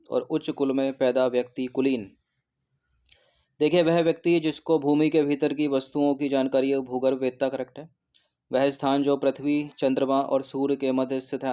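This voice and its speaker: A man's voice: mid-range voice, flat delivery, mellow, dull audio. Man teaching a recorded Hindi exam-prep lesson. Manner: explanatory, repeats words slowly and adds "ठीक है".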